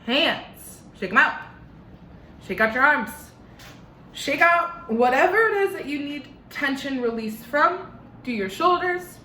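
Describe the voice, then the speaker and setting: A woman's voice: fairly high pitch, bright, forceful tone, echoey room, a little hiss or hum. A young woman with a slight lisp teaching an online singing lesson from her living room, giving step-by-step instructions.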